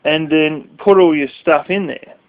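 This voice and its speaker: This male vlogger sounds sleepy and keeps yawning as he rambles through a casual late-night rant, blunt and foul-mouthed. His voice is a bit high for a man, with a steady tone and a measured pace. Everything comes through thin and tinny, as if over a phone line.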